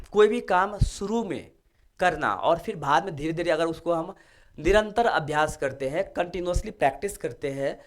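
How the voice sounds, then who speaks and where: A male teacher giving a classroom lecture, explaining step by step and checking in with his students. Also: on the high side. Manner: explanatory, asks students rhetorical check-in questions.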